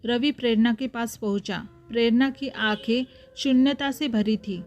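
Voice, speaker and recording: A woman reading a sad story aloud, slow and emotional. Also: a little high, steady tone. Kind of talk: scripted story narration. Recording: soft music underneath.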